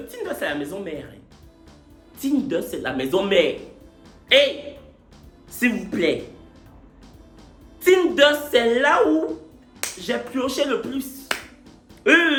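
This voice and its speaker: A man's voice: very high voice, bright, forceful tone, roomy sound. A man telling his own love story to camera, a little tipsy late at night, theatrical and repetitive, playing with words. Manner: theatrical, repetitive, playful wordplay. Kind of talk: comic confessional vlog.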